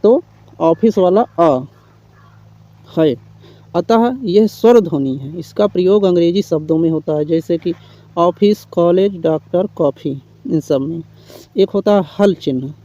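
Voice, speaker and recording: A man's voice: fairly high pitch, animated, measured pace, warm tone. A man teaching Hindi grammar in an exam-prep lecture, reading definitions and listing examples step by step. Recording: dull, muffled lo-fi recording.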